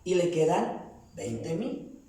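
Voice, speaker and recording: A man's voice: on the high side, very animated, slow pace, warm tone. A man preaching a sermon as pastor, asking his congregation questions and drawing amens in a church. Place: church hall. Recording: echoey room, mic far off.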